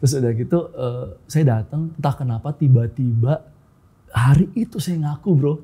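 A man's voice: mid-range voice, normal speed, dark tone, breathy edge. A man in his thirties from Makassar tells his personal testimony as a guest in a casual, informal way, often calling the host "bro" and mixing in English phrases. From Makassar, Indonesia.

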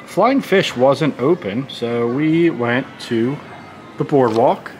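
Speaking slowly with lively intonation, this man has a medium-pitched, darkish voice. He's an American vlogger in his thirties, casually narrating while out and about on a boardwalk and in restaurants. He records on a handheld camera at arm's length, and the audio is noisy with ambient din.

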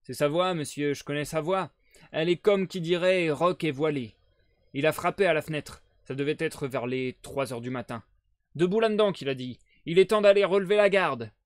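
A man voicing a vigorous, worried boatman's wife and mother, in a loud, high, pleading voice. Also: fairly even intonation, moderate pace, no echo, close to an everyday voice.

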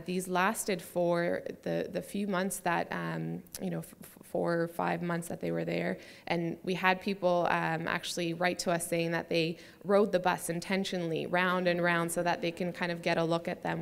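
Woman presenter, fry-heavy, lower voice, slide talk with lots of fillers. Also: completely flat delivery, normal speed, few pauses. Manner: hesitant, many fillers. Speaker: conference speaker, city public art staff.

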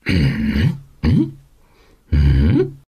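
A woman voicing a huge, greedy male giant in a children's storybook, growling and grunting slowly. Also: very deep voice, big pitch swings, breathy edge, highs cut off, voice pushed down, full character voice. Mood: gruff, menacing. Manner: growling, sniffing, slow menacing grunts.

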